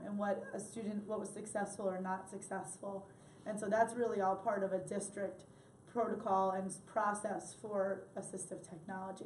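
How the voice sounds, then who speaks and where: A woman's voice: mid-range voice, a little mellow, slight background noise. A woman presenting an assistive technology workshop, conversational and chatty with fillers. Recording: echoey room, mic far off, faint ambience.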